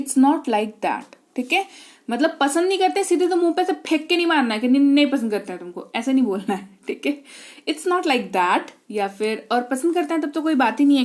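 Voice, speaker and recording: Woman teaching English, slow and clear. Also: sits high, darkish tone. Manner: explains in Hindi, then says English sentences slowly and clearly. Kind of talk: spoken English lesson.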